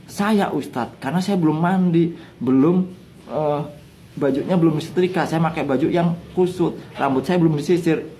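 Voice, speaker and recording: A man's voice: fairly high pitch, moderate pace, dark tone, slight background noise, close to an everyday voice. A man doing a meek remorseful confessor. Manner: meek, admitting fault. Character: remorseful middle-aged man confessing his faults. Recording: guitar music underneath.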